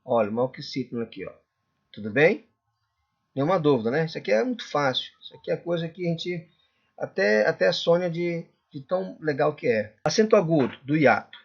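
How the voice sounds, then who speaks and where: A male Portuguese teacher giving a classroom lecture, often checking in with the class and drawing out example words slowly. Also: on the high side, expressive, slightly rough, dull audio. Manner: checks in constantly with "correto?" and "tudo bem?".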